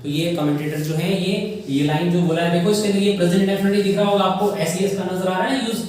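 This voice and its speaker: A man's voice: high voice, steady tone, quick pace, a little mellow. A male English grammar teacher, explaining rules step by step in a classroom-style lesson and calling his viewers children. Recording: very echoey room, far from mic, faint noise.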